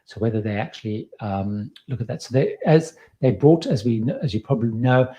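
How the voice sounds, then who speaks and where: A man in his fifties with a slight Zimbabwean accent and a warm, mellow voice. He hosts a live-stream Q&A in a loose, chatty way, handing out advice as he goes. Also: medium pitch, lively intonation, brisk. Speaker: host.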